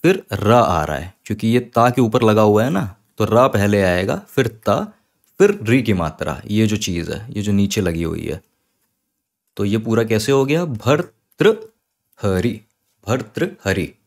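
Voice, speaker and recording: A man teaching an online Sanskrit lesson, patiently spelling words out slowly, sound by sound. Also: fairly low pitch, very animated, vocal fry.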